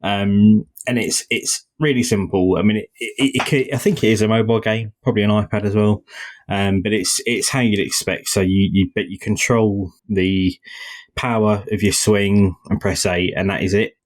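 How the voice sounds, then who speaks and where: A man's voice: fairly low pitch, steady tone, normal speed. A man, co-hosting a casual podcast and reviewing an indie game in a jokey, rambling way with many fillers. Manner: jokey, playful, lots of fillers and restarts.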